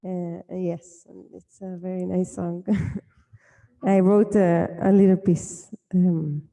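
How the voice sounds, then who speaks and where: Slow, dark-voiced woman, hesitant. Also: lowish voice, flat delivery, creaky. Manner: hesitant, searching for words. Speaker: singer. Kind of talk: casual interview answer. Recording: muffled, dull sound.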